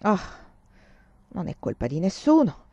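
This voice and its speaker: A woman voicing a calm, practical male nobleman on the run, speaking tersely and matter-of-factly. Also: fairly low pitch, a little slow, vocal fry, no room sound, exaggerated voice. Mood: tense.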